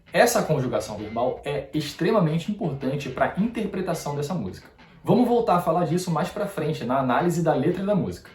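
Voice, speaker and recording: A man's voice: on the high side, darkish tone. A man hosting a music-analysis show, explaining verse and meter step by step in a didactic way. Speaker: host. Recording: roomy echo.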